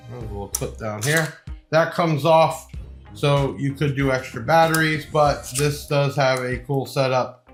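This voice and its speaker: A man with a mid-range voice talks a little slowly through an informal, unscripted product review, explaining things like a salesman would. Faint music plays behind him, and the room has a noticeable echo.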